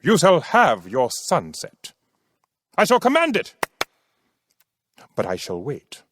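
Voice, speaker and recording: A man's voice: fairly high pitch, huge pitch swings, slow pace, noisy background, exaggerated voice. An actor playing a pompous old king of a tiny planet, commanding and sputtering in an audiobook drama.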